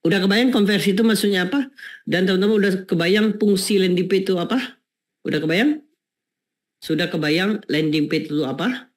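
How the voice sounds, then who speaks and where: A man's voice: high voice, fairly quick. Chatty man teaching a webinar. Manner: chatty, repeats rhetorical questions to the audience, many fillers. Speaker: webinar host teaching landing pages. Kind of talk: casual online lesson.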